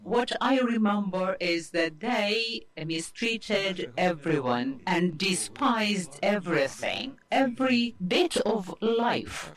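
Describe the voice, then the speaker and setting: A woman speaking as a live interpreter, giving a testimony in the first person in a slow, deliberate, earnest way. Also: lowish voice.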